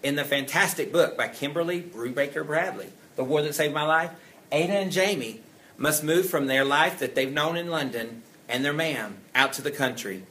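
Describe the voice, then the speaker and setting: A man giving a short, steady book talk. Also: fairly high pitch, moderate pace.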